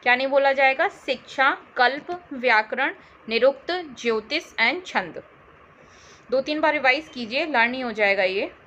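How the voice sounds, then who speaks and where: A woman with a high, bright voice teaches an exam-prep history lesson, speaking English. She repeats key terms and keeps quizzing her listeners with questions. The audio is a little dull, with faint noise underneath. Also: lively intonation, measured pace.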